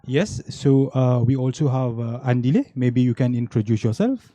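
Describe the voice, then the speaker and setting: A man's voice: medium pitch, expressive, normal speed, dark tone, no room sound. A man with a Mauritian accent hosting a panel debate, speaking hesitantly with many fillers. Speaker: debate host.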